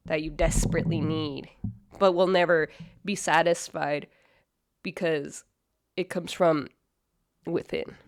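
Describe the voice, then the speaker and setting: Slow, low-voiced woman mocking a clip. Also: smooth. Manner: blunt and mocking, laughs often. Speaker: reaction channel host. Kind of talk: casual reaction commentary.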